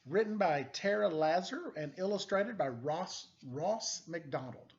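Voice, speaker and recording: A middle-aged man with a high-sitting, expressive voice reads a picture book aloud to children at a measured pace, like a story-time teacher. He sounds playful and keeps quizzing his young listeners. The audio is dull.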